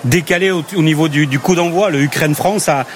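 A man commentating live sports on radio, halting and heavy with fillers. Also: fairly high pitch, a little hiss or hum.

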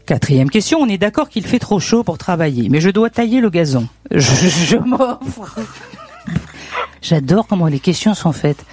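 Lively, playful woman hosting a radio game. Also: on the low side, moderate pace, slightly rough, no echo. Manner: playful, teasing, chatty. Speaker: radio game show host.

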